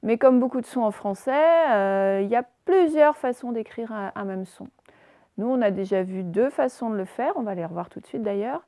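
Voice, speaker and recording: Woman primary teacher filming a phonics lesson, slightly high voice, dry and close, slow deliberate spelling of letters. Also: expressive, warm tone, no echo. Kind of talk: recorded phonics lesson for young pupils. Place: room with a whiteboard, filmed on her own camera.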